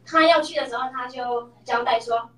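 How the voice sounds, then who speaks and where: A middle-aged woman in a class shares a personal testimony, acting out the voices of the people in her story. Her voice sits high and is a bit bright, at a normal speed, and she sounds far away in an echoey room.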